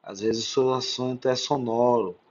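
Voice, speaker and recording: A man's voice: mid-range voice, fairly even intonation, normal speed, darkish tone, husky, muffled recording. A male Brazilian teacher giving an exam-prep lesson, explaining with lists of examples and often asking "né?" to check understanding. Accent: Brazilian Portuguese.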